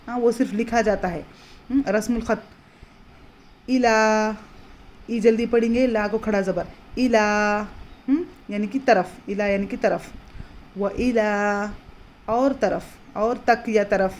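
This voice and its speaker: A woman teaching Quran reading in a patient, explanatory way, repeating words slowly and drawing them out. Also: a little high, steady tone, darkish tone, a little hiss or hum. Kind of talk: slow explanatory lesson.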